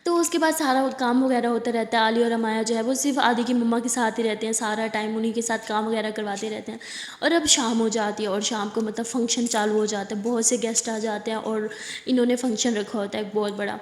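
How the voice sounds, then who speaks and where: A woman narrates a love story in a chatty, casual way, dropping jokey asides. Her voice sits fairly high, and the room gives it a long, echoing reverb. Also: fairly even intonation.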